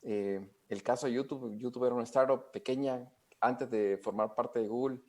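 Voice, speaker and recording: A man's voice: medium pitch, steady tone, normal speed, a little mellow. A man answering interview questions, explaining at length with frequent hesitations and fillers. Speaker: expert guest.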